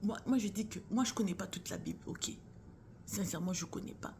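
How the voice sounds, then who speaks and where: Woman talking faith to her viewers, keeps going soft and whispery, middle pitch, bit of background hiss. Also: a little fast, gravelly. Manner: earnest, addresses listener as sister or bro; often drops to a whisper. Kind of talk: casual faith talk to viewers.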